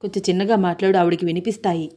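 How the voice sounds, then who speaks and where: A woman storyteller voicing a young husband who pleads and tries to calm everyone. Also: lowish voice, very fast, natural voice. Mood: pleading. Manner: pleading, conciliatory.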